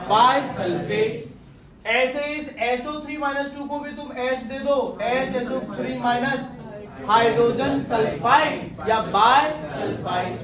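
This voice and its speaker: A male chemistry teacher giving a classroom lecture, often quizzing his class with questions. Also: very high voice. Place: classroom with students. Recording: echoey room, far from mic, class murmur.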